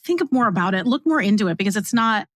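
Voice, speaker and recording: A woman's voice: medium pitch, lively intonation, quick pace, no echo. A woman in her mid-forties, a podcast guest, talking earnestly and encouragingly in casual chat. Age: 40s. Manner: earnest, encouraging, many fillers.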